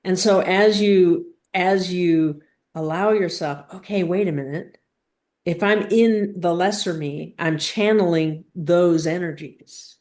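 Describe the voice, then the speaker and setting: A woman leads a spiritual teaching session in deliberate, halting phrases, using emphatic pauses and guiding questions. Her voice is lowish and a little mellow.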